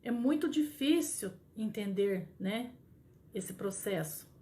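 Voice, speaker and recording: A middle-aged Brazilian woman with a Brazilian Portuguese accent, a grief counselor for mothers, talking gently and earnestly on a live stream, pausing and restarting often. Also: medium pitch, expressive, a little hiss or hum.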